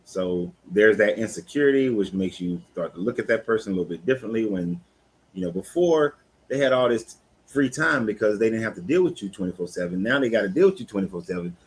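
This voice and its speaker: Talking quickly and animatedly with a breathy edge, a low-voiced man in his fifties hosts a casual live-stream. He's a life coach, and his manner is candid, easygoing and conversational.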